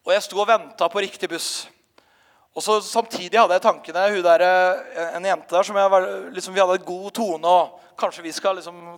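A man's voice: sits high, fairly bright tone, big-room sound. A man preaching a sermon as a pastor, telling stories with frequent hesitations.

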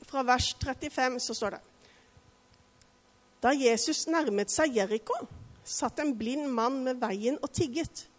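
A woman's voice: sits high, long pauses, long reverb tail. A woman preaching a sermon in an earnest way, asking the listeners direct questions.

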